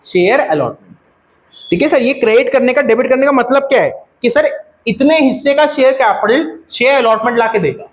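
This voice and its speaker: A man's voice: extremely high pitch, lively intonation, a little fast. A man with an Indian accent teaching a classroom lecture, asking the class questions and repeating their answers. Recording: echoey classroom.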